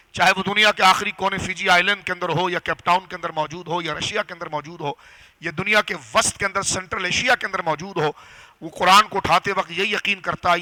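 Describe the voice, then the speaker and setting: A man preaching a religious lecture to a gathering, teaching step by step, asking the audience questions and slowing down on key phrases. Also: high voice, bright, forceful tone, poor audio. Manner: didactic, rhetorical questions to audience. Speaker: Islamic scholar and preacher. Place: gathering hall.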